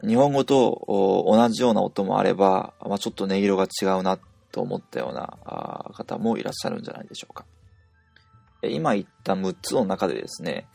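A low, gravelly male voice from Japan leads an audio pronunciation lesson. He explains patiently, stopping often to demonstrate each sound, in a dry, close recording with faint music underneath. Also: expressive, a little fast, mellow, no room sound. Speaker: language teacher.

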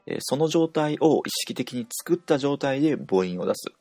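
Japanese guy teaching pronunciation, slow and patient, bit of vocal fry, dry close sound. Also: medium pitch, animated, a little mellow, no room sound. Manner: patient, explanatory, pauses often to demonstrate sounds. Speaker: language teacher. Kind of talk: audio language lesson.

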